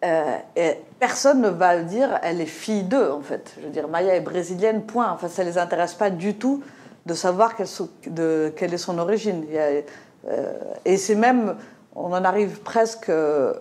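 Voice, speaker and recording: With a lowish, warm voice, a middle-aged woman from Morocco takes part in a panel discussion, carrying a slight Moroccan French accent. She sounds hesitant, using many fillers and frequently starting over.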